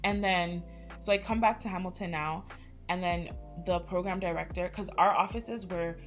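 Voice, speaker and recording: A woman's voice: on the low side, normal speed, soft background music. A young woman in her twenties from Canada, hosting a casual chat and telling stories with lots of fillers. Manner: animated storytelling with lots of fillers.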